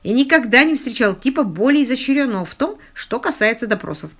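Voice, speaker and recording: A woman's voice: fairly high pitch, expressive, brisk, a bit bright, breathy edge, full character voice. A woman voicing a beaten-up young Englishman who jokes his way through his ordeal, in an audiobook. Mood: wry. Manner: ironic, lightly self-mocking. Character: battered, wry young Englishman, joking despite injuries.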